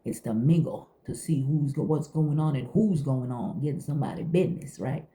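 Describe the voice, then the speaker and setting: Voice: mid-range voice, a little fast, warm tone. A vlogger in a casual, folksy chat to viewers, emphatic and repetitive, talking with a mouth full of food. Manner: conversational, folksy, emphatic repetition, addresses listener as baby.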